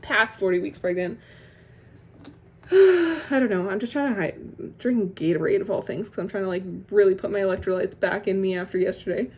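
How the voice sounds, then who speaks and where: A heavily pregnant young vlogger talks casually to the camera, rambling, saying "like" constantly and laughing between phrases. Her voice is medium-pitched, a little mellow and breathy, and fairly quick.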